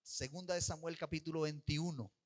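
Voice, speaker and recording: A man pastor preaching a sermon. He tells a story and urges his listeners, with sudden shifts between loud and soft. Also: on the high side, fairly even intonation, brisk.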